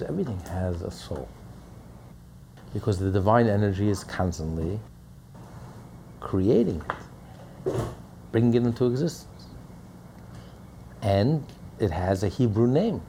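Gravelly-voiced man teaching a Torah lesson. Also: fairly low pitch, warm tone, a little hiss or hum. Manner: emphatic, repeats key phrases. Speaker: rabbi teaching.

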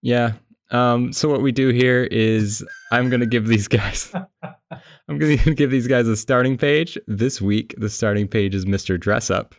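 A man's voice: medium pitch, measured pace, dry recording, studio quality. A man hosting a podcast in casual chat, recording under a blanket and often laughing as he rambles. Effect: muffled by a blanket over the mic. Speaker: podcast host.

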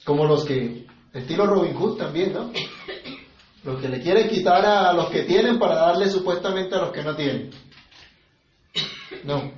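A man's voice: a little high, normal speed, pauses often. Man preaching with questions in an echoey room. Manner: conversational preaching with rhetorical questions. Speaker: pastor. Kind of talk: sermon. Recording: echoey, slightly muffled room recording.

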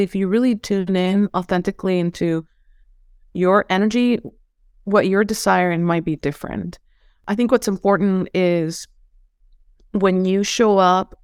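Her voice is medium-pitched, clear, and resonant as this middle-aged Venezuelan woman, once a psychologist and now a holistic coach, guests on a podcast. She speaks with a Venezuelan Spanish accent, earnest and effusive, repeating words at starts. The studio recording is clean with no room sound.

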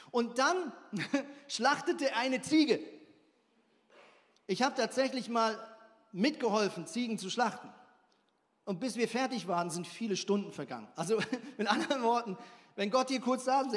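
A man preaching a sermon, reading a Bible story dramatically and adding playful asides. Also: high voice. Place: church hall. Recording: long hall reverb.

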